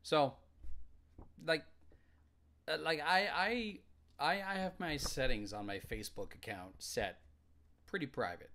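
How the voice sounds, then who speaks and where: A man co-hosting a casual talk show, speaking in a relaxed, rambling, joking way. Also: fairly high pitch, unhurried, long pauses. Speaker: podcast co-host. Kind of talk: casual chat.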